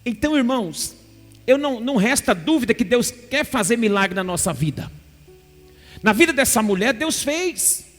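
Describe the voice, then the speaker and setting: A man preaching a sermon as pastor, telling a personal testimony in an animated way and acting out the dialogue. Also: extremely high pitch, normal speed. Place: large church sanctuary. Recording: music under a long church reverb.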